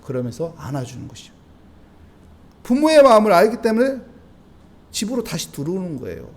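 A man with a Busan accent preaches at an early-morning service. His voice sits high and swings widely in pitch. He asks the congregation questions and acts out heartfelt prayers. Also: sing-song, fairly quick, darkish tone. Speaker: pastor. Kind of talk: dawn service sermon.

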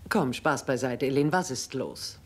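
An actress playing a brisk, wry middle-aged mother in a dubbed TV drama. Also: extremely low pitch, animated, exaggerated voice. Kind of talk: TV drama dub.

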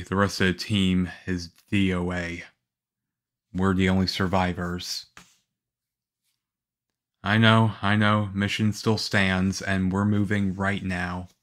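Man acting as Leon Kennedy, low, unhurried young agent. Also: a bit bright. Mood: businesslike. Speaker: audio roleplay voice actor. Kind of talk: ASMR roleplay acting.

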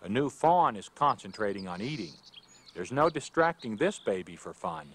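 A man's voice: lowish voice, big pitch swings, normal speed, a bit bright. A middle-aged man reading scripted nature documentary narration as the program's host.

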